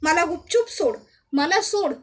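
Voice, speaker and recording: A woman voicing a deceitful married man who shouts and pleads when cornered in a told story. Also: extremely high pitch, expressive, a little slow. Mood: scornful.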